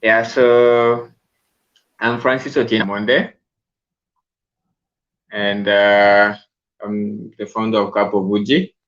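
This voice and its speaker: A man, a charity founder speaking as a guest on a video call, halting and repeating himself. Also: lowish voice, level tone, a bit bright, highs cut off. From Kenya. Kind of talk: interview over a video call.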